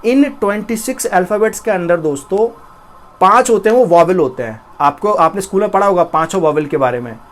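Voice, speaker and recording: A young man with an Indian accent and a high-pitched voice teaches a spoken English lesson. He explains patiently, step by step, and says each example slowly, often twice.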